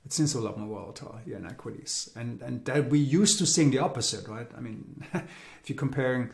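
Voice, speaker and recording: A man's voice: mid-range voice, a little fast, creaky, a little mellow, reverberant. A man giving a casual market update, rambling with repeated words and fillers, sounding weary. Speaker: crypto market commentator.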